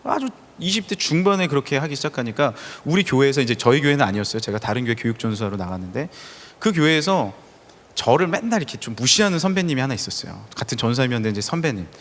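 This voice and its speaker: Lively male pastor in echoing hall. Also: mid-range voice, fast. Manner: animated storytelling, voices quoted people. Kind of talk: lively sermon with acted-out quotes. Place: church sanctuary. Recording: reverberant church hall.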